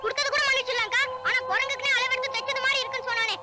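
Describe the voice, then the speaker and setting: An excitable young sidekick. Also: female voice, extremely high pitch, over music. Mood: indignant. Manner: indignant, quick and eager. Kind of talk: comic film dialogue.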